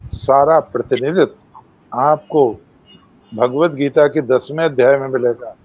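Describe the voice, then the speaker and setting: A man's voice: medium pitch, lo-fi sound. An older man giving a devotional lecture, telling stories and acting out the voices of sages and animals. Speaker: main speaker.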